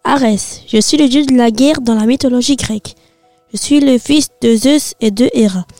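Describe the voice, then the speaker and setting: A woman's voice: fairly high pitch, moderate pace, darkish tone, dry recording, soft background music, natural voice. A woman voicing a violent male god of war, reciting plainly. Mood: boastful. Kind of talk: reciting a mythology monologue.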